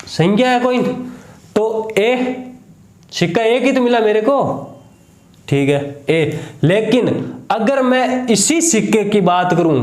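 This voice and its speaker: A man's voice: high voice, reverberant. A man teaching a grammar lesson in a Hindi accent. He asks the class a question and then repeats the answer.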